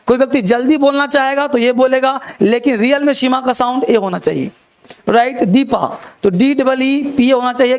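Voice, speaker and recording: Man, very high voice, classroom teacher, repeats words, quizzes students. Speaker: English teacher. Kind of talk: classroom spelling lesson.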